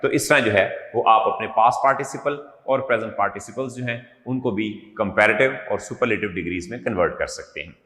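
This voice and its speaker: A man from Pakistan teaching an English grammar class. He keeps checking in with "okay?", quizzes his students, and draws out the English words slowly. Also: on the low side, fairly bright tone. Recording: echoey hall, distant mic.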